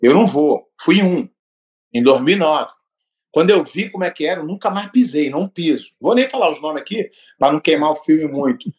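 A man's voice: fairly high pitch, lively intonation, fairly quick, darkish tone. Emphatic Brazilian man telling stories. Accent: Brazilian Portuguese. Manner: storytelling, emphatic, acts out dialogue. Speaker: gym owner and martial arts coach. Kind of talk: casual podcast chat.

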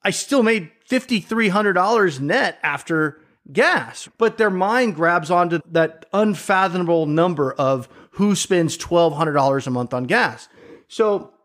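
Middle-aged guy, kinda high voice, casual chat, lively storyteller, swears a bit. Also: a little slow. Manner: animated storytelling, acts out other people's reactions, swears casually.

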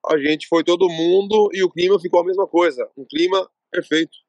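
A man's voice: high-pitched, fairly quick, darkish tone, no echo. A man from Brazil, a fighter guest on a podcast, telling a rambling anecdote and acting out what each person said. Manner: rambling storytelling, acts out quoted dialogue. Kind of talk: casual interview chat.

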